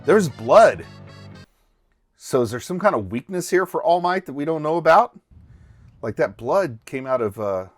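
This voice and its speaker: A man's voice: on the high side, sing-song, moderate pace, pauses often, faint music behind. A middle-aged man giving casual, jokey running reaction commentary as host, chuckling and exclaiming as he goes.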